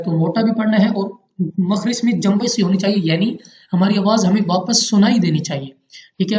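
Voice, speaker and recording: A man's voice: high voice, darkish tone. A man from Pakistan teaching Quran recitation rules in a patient, step-by-step lesson, repeating each rule carefully. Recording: roomy, dull lo-fi home recording.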